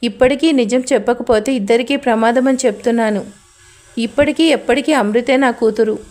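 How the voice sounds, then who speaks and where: A furious, grieving mother, read out by a woman, speaks bitterly and angrily. The voice is on the high side, and she sounds like a character in a family drama audio story. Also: brisk, a little mellow, natural voice. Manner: angry, bitter.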